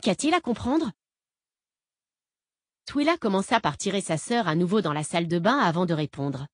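A woman narrating an audiobook in an even, measured reading voice. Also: on the low side, no echo, studio quality.

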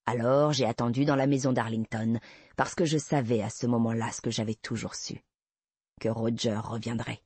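A man's voice: mid-range voice, flat delivery, moderate pace, darkish tone, breathy edge, no echo, lightly acted. A man voicing a creepy obsessive man confessing. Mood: cold recounting. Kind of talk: audiobook reading.

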